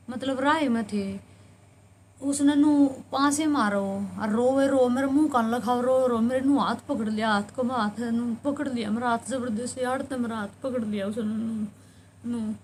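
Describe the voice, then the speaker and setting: A Haryanvi-accented woman with a fairly high voice tells her own story to the camera. She circles back over her words in an earnest, rambling flow. A faint hum of noise sits behind her. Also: a little mellow. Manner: earnest, rambling retelling with repeated phrases. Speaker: vlogger. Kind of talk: personal storytelling.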